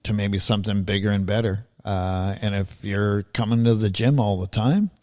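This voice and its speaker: A man hosting a relaxed podcast interview, talking easily with plenty of fillers, restarts and the odd casual swear. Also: fairly low pitch, normal speed. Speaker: podcast host.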